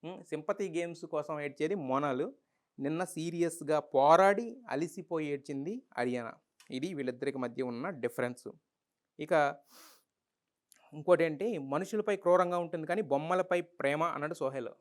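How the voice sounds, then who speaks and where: A man's voice: a little high, normal speed. A man with a Telugu accent giving an opinionated, argumentative review monologue full of rhetorical questions. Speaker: reality show reviewer.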